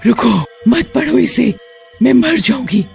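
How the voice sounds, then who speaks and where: A woman's voice: a little high, animated, a little slow, vocal fry, over music, voice pushed up, exaggerated voice. A woman voicing a vengeful female witch spirit in a horror cartoon, speaking in an eerie hissing whisper. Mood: panicked.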